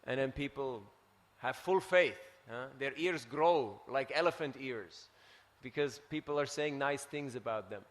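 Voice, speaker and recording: A man from Switzerland giving a scripture class, telling stories in an animated way and tagging his points with "huh?". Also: medium pitch, unhurried, hardly any pauses, in a large hall. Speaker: preacher. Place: temple hall.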